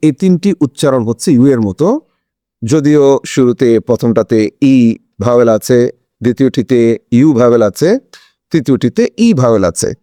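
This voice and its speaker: A man's voice: medium pitch, dark tone, no room sound, studio quality. A man teaching an English grammar lesson in a video, explaining step by step and asking questions that he answers himself.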